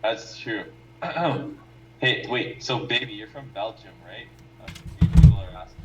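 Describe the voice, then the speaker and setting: A man's voice: medium pitch, a little slow, darkish tone, echoey room, far from the mic, rough recording. A playful, joking man co-hosting a casual stock-market live stream.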